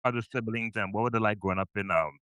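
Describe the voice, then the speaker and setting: A man's voice: lowish voice, fast, pushed and bright, clear, resonant tone, dry recording. A middle-aged Trinidadian man hosting a podcast interview, chatty and upbeat, with lots of fillers and repeated words. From Trinidad and Tobago. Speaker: podcast host. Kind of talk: casual interview chat.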